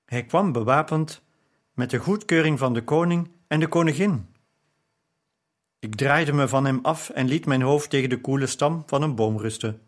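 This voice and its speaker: A man reading a novel aloud in measured first-person narration. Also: mid-range voice. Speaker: audiobook narrator.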